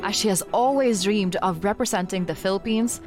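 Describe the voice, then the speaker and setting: A woman narrating a scripted news feature segment in a polished, measured storytelling delivery. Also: mid-range voice. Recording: music bed underneath.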